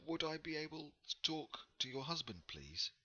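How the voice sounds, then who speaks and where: A man voicing a gentle, courteous woman botanist. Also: fairly high pitch, big pitch swings, moderate pace, lo-fi sound, pitched above the performer's own voice, exaggerated voice. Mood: polite, gentle. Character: gentle polite woman botanist, young adult traveller.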